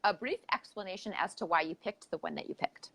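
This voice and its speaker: A woman's voice: mid-range voice, quick pace, creaky, a bit bright, husky. A woman hosting a casual interview, informal and jokey, with plenty of filler words. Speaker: podcast host.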